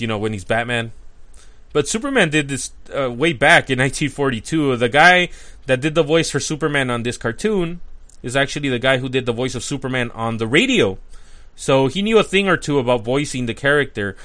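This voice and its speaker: A man's voice: mid-range voice, fairly bright tone. Enthusiastic man recapping an old cartoon. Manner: enthusiastic and chatty, with frequent "like" and "uh" fillers. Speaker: cartoon reviewer. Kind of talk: casual commentary recapping a cartoon.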